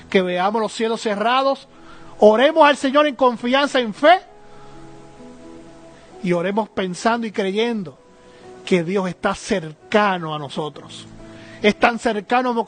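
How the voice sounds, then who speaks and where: A man teaching the Bible on a program, earnest and hesitant, with frequent fillers and tag questions. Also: high-pitched.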